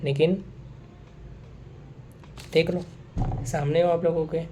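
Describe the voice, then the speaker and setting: A young man with a very dark, mellow voice talks to his viewers in an earnest, unscripted monologue. He circles back over his points and drops English phrases into his speech. A faint hiss of noise sits under him. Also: on the high side, flat delivery, slow. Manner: earnest, repeats himself, mixes in English phrases. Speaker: vlogger. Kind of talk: casual monologue to camera.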